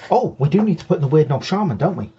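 A man's voice: a little high, big pitch swings, rapid-fire, mellow, husky, highs cut off. A man co-hosting a hobby show, patiently explaining game rules in casual chat and often restarting his sentences. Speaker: co-host.

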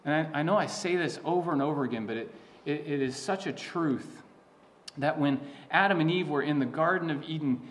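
A man's voice: on the high side, brisk, fairly bright tone. A man preaching a sermon as a pastor, teaching in an earnest, emphatic way with frequent restarts and asides.

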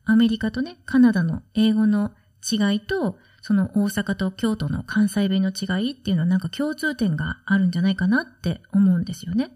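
A woman who works as a study-abroad consultant, hosting her own podcast in a relaxed, chatty way and explaining with soft asides. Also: on the high side. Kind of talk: solo podcast talk.

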